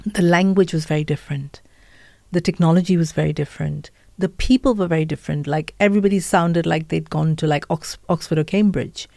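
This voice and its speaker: A middle-aged woman with an Indian accent, a podcaster and author, tells her story earnestly in a candid interview, listing things and quoting her own self-talk. Her voice is deep, gravelly, and darkish, and she talks briskly, recorded with clean studio sound and no echo.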